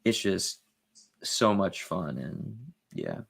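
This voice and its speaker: Gravelly, eager low-voiced man. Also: slow. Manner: eager and excitable about films. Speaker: guest movie reviewer. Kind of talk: casual chat.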